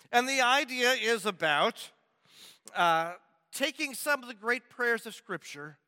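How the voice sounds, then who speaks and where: A pastor preaching a sermon, telling a story playfully and building mock suspense. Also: male voice, extremely high pitch, sharp tone. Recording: long hall reverb.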